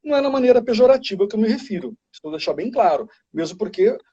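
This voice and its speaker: Um advogado brasileiro convidado numa live, explicando de forma enfática e didática. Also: male voice, sits high, very animated, rapid-fire, dark tone, slightly rough. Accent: Brazilian. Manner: emphatic, explanatory. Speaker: guest criminal lawyer. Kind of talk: live video chat. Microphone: video call. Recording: lo-fi livestream audio.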